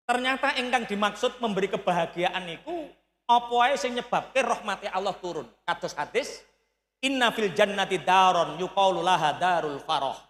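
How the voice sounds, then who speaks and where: A male preacher with a Javanese accent tells stories and jokes through his sermon, now and then breaking into loud acted-out shouts. His voice sits high for a man. The sound is roomy, with a long reverb from a large hall. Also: normal speed. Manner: storytelling with jokes, loud bursts when acting out shouts. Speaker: Islamic preacher. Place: large hall at a religious gathering.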